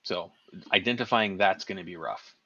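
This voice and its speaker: A man's voice: sits low, moderate pace, sharp tone, dry recording. A man co-hosting a casual live stream, making dry jokes and reading out chat comments. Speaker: livestream co-host. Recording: dull lo-fi stream audio.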